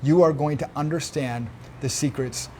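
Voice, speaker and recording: A man quoting a gentle feminine plant spirit in his own voice, soft, patient and solemn. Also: fairly high pitch, normal speed, slight background noise, natural voice.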